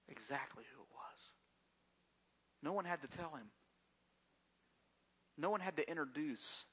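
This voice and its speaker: A man's voice: on the high side, vocal fry, fairly bright tone, slightly rough. A man preaching a sermon, acting out voices and sometimes dropping to a whisper, with self-corrections along the way. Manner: acts out voices, drops to a whisper at times. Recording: long hall reverb.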